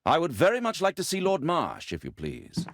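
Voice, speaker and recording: An actor playing an earnest, courteous, concerned English doctor with a British accent in a game cutscene. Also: male voice, fairly high pitch, huge pitch swings, normal speed, very noisy. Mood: polite, insistent. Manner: polite, earnest. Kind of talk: dramatic game cutscene acting.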